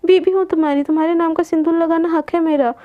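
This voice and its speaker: Self-assured teasing young wife, voiced by a woman storyteller; brisk and high. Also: fairly even intonation, dry recording, phone-quality sound.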